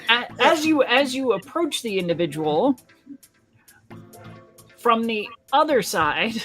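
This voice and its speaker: A woman game master improvising tabletop game narration in a halting, amused way. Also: medium pitch, a bit bright.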